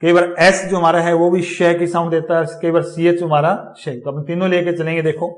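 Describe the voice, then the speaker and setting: Man, classroom lecture, repeats example words, slightly high voice. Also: level tone, a little fast. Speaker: teacher.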